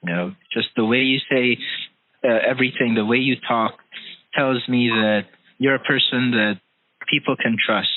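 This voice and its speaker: At medium pitch and a moderate pace, a podcast host carries on an interview conversation in an earnest, hesitant manner, peppered with "you know" fillers. The recording is dry and comes through as a tinny phone-line call.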